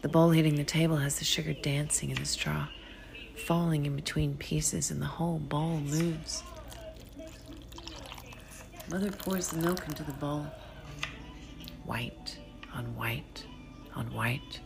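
An author reads her own short story over clear background music, her low, gravelly voice holding a steady tone. She is very unhurried and deliberate, and her hushed, dramatic delivery often drifts toward a whisper.

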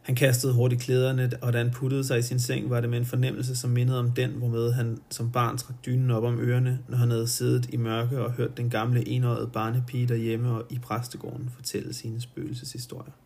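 A man's voice: medium pitch, completely flat delivery, darkish tone. A man reading a novel aloud for someone close to him, stumbling now and then and correcting his slips. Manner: halting, stops to correct his own slips. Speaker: reader.

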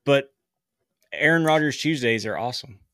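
A man's voice: medium pitch, expressive, normal speed, fairly bright tone, dry recording, studio quality. A man co-hosting a podcast, chatting casually and bluntly, swearing freely. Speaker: podcast co-host.

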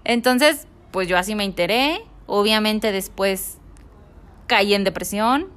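A woman's voice: mid-range voice, takes it slowly, fairly bright tone, clean tone. A woman with a Mexican accent tells a personal story casually in an interview and acts out the dialogue she recalls.

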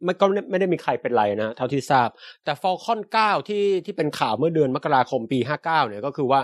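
Fast-talking man explaining space news. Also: on the high side, very animated, dry recording, studio quality. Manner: explains patiently with polite particles, many restarts. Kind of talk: casual science podcast chat.

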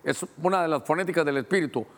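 Pastor from Guatemala teaching a sermon. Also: male voice, on the high side. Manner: teaching, directing helpers to show verses on screen; slows down to read scripture, speeds up in asides. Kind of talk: sermon with Bible reading.

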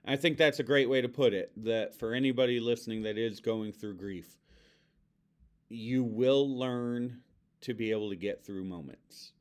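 A man's voice: medium pitch, normal speed. A man co-hosting a podcast, a bereaved father talking earnestly and reflectively about grief. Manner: earnest, reflective, speaks softly of his son.

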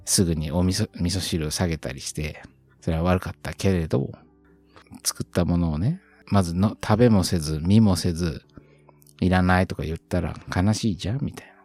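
A man's voice: deep voice, a little fast, dark tone, faint music behind. A man co-hosting a podcast, chatting casually and thinking aloud with lots of fillers. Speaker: podcast co-host. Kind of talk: casual chat.

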